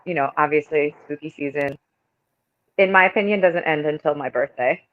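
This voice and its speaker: A woman actress chatting as a guest on a livestream, speaking in a chatty, animated way over a video call. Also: low-pitched, normal speed. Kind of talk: casual livestream chat. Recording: tinny phone-like call audio.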